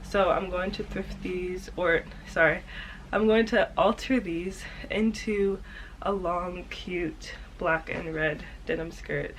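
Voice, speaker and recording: A young woman with a slightly nasal, stuffed-up voice from a cold, talking in a casual, halting, informal vlog style. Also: on the low side, steady tone, a little hiss or hum, rough recording. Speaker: sewing vlogger.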